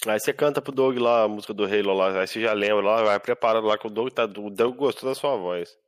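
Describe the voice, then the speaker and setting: A man's voice: lowish voice, fast talker, clean tone, dry recording, clean studio sound. A man co-hosting a livestream, chummy and slangy, coaxing the guest along. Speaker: livestream co-host. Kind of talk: casual livestream chat.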